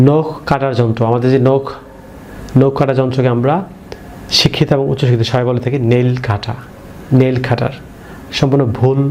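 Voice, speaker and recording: Male English teacher, mid pitch, spells words letter by letter, drills learners, faint noise under the voice. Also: a little mellow. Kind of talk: vocabulary lesson.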